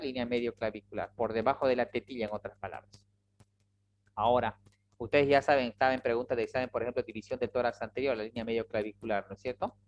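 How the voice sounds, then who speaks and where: A medical lecturer teaches over a video call, walking students through each point and pausing for quick check-ins. The pitch sits mid-range. The audio is dull and lo-fi, like a laptop microphone. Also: a little hiss or hum. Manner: explanatory, checks in with "¿ya?" and "¿listo?".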